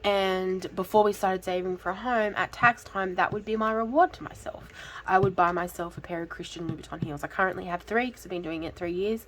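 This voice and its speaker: A woman's voice: medium pitch, brisk, a little hiss or hum, low-quality recording. A woman, hosting a casual budgeting vlog in a chatty, giggly way with frequent ums. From Australia. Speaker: budgeting channel host.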